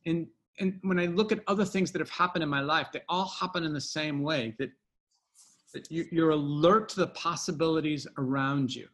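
A man's voice: a little high, normal speed, fairly bright tone. A middle-aged man telling a personal anecdote in a casual interview, rambling with fillers and restarts. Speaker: guest storyteller.

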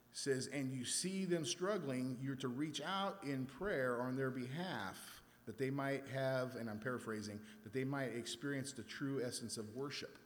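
A man's voice: mid-range voice, in a large hall. A man preaching a scripture sermon in a conversational way, often checking in with his listeners. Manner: conversational, checks in with "right?" and "okay?".

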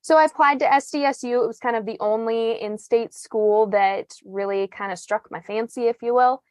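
A woman in her twenties, a journalist appearing as a guest on a podcast, speaks in a slightly high, darkish voice at a normal pace with no room sound. She tells her story in a chatty, reflective manner, full of fillers and restarts, during a casual interview.

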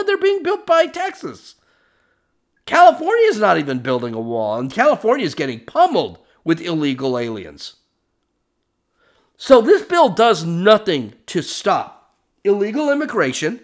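A man hosting a political commentary podcast, talking in an emphatic, indignant way and often repeating himself. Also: high voice. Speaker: podcast host.

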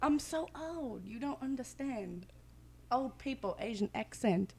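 A woman putting on a fed-up old Chinese grandmother with a put-on Chinese accent and slow, clipped phrasing. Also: fairly high pitch, lively intonation, creaky, a little mellow, breathy edge, exaggerated voice. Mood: teasing.

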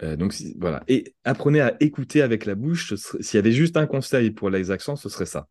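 A French man with a low, mellow voice explains pronunciation ideas in an unhurried conversational way, often restarting a phrase as he thinks. The sound is close and dry, with no room around it. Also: animated, no room sound. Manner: thoughtful, explains with examples and restarts. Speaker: podcast guest, language entrepreneur. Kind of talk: conversational interview.

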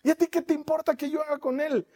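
Male preacher voicing Jesus: a high, blunt, teasing teacher asking pointed questions. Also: steady tone, fast, mellow.

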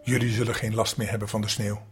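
An older man voicing a poor, kind-hearted old hat seller, speaking mildly and gently. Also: lowish voice, little pitch movement, fast talker, soft background music, natural voice. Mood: content.

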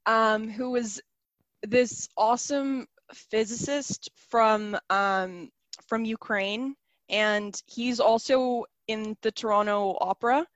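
A young South African woman whose first language is Serbian speaks as an interview guest, chatting casually and leaning heavily on "like" and "um." Her voice sits a little high and moves slowly, with no echo in the recording.

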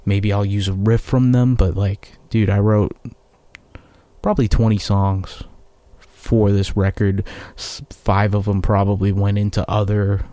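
Young American man, low mellow voice, sarcastic and profane, rambles in dry close sound. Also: level tone, a little slow, no room sound. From United States. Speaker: musician. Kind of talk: casual monologue.

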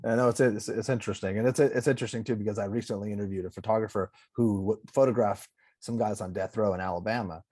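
A podcast host leads a casual interview, asking questions and offering short encouraging replies. The voice is husky and the sound is dry and close. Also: mid-range voice, steady tone, fast talker, few pauses, darkish tone, no echo.

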